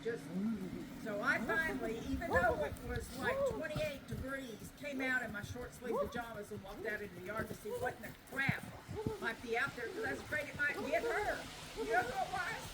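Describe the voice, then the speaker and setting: A woman's voice: sits high, fairly quick. A woman with a Southern US accent, chatting casually and cooing to the family dogs outdoors in a snowy yard, filmed on a phone. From Arkansas, US. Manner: lively, chatty, coos to the dogs. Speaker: dog owner filming family pets. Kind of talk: casual home video chat. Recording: loud outdoor noise.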